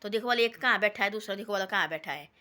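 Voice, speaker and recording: Bright-voiced woman telling a folksy moral tale. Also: mid-range voice, rapid-fire. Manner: rambling, folksy retelling with many quoted voices. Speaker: devotional vlogger. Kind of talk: casual moral storytelling.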